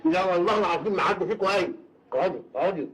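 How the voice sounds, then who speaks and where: A man's voice: sits high, rapid-fire, natural voice. An actor playing a cocky, teasing young Egyptian man, the cousin who shows off. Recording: noisy old film sound from a distance.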